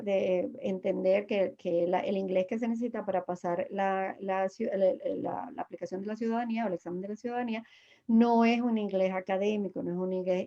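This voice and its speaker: A woman's voice: medium pitch, mellow, muffled recording. A woman immigration lawyer giving patient, reassuring explanations as an interview guest, with many fillers and restarts.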